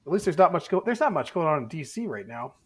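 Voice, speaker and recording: A man's voice: on the high side, very animated, fast, husky. A man hosting a podcast in a jokey, self-deprecating, upbeat way. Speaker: podcast host.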